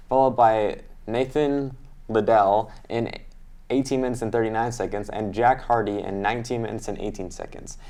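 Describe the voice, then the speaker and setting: A man's voice: medium pitch, mellow. A teenage boy co-anchoring a student newscast, reading announcements upbeat with occasional restarts. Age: teens. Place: school studio.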